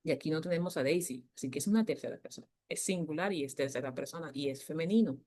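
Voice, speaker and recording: A woman teacher explaining grammar to a class, patiently repeating key points and slowing down to stress them. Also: low-pitched, warm tone. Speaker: English teacher.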